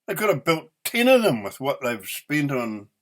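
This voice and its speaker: An elderly man with a New Zealand accent delivers an angry, unscripted rant. His voice sits slightly high for a man and moves up and down in lively sweeps. He is indignant and emphatic, swearing and stretching the words he wants to hammer home. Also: normal speed. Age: older, eighties. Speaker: opinionated vlogger.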